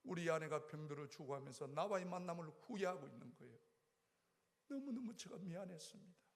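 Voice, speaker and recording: Gravelly man preaching in echo. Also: animated, a little fast. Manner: impassioned, swings between loud outbursts and low pleading. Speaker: preacher giving testimony. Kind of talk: emotional testimony sermon. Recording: echoey church hall.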